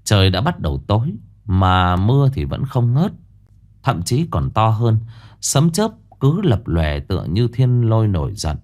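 Guy telling a ghost story, lowish voice, super animated, faint music behind. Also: unhurried. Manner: dramatic, expressive storytelling.

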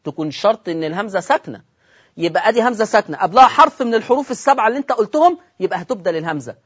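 A man with an Egyptian accent teaching Quran recitation on television, quizzing his listeners, repeating key points and slowing down to recite examples. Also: high voice, animated, fairly bright tone, breathy edge. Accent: Egyptian Arabic. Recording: dull lo-fi broadcast audio.

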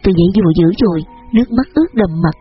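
A man reading a first-person story aloud as an audiobook narrator, with an even, emotive delivery. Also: high-pitched, rapid-fire, slightly rough. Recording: slightly dull audio with soft guitar music.

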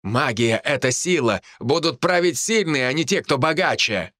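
Brief: cocky archer leader, defiant and shouty, voiced by a male narrator, animated delivery. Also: mid-range voice, normal speed, no room sound, clean studio sound.

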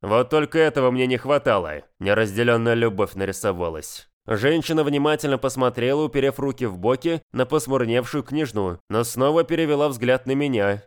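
A man reading a first-person audiobook in a brisk, wry manner. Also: medium pitch, animated, clear, resonant tone. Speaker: audiobook narrator.

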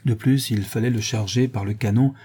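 A man reading a historical crime story aloud in a measured, steady way. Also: lowish voice, husky. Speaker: audiobook narrator. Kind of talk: scripted narration of a crime story.

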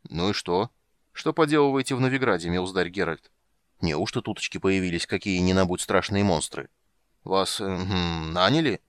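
A grumpy, wary halfling merchant who speaks grudgingly, as a male audiobook narrator puts him on. The voice dips lower than the narration and stays gruff. It is recorded dry and close. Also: normal speed, no echo, close to an everyday voice. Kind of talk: audiobook character voice.

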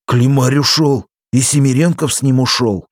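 A man's voice: medium pitch, normal speed, a little mellow, no room sound, studio quality, voice pushed up, lightly acted. A man voicing a simple, clumsy village militiaman who keeps making excuses. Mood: breathless news.

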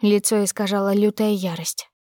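A woman's voice: medium pitch, flat delivery, moderate pace, dark tone, no room sound, studio quality. A woman narrating a tense, dramatic audiobook in the first person.

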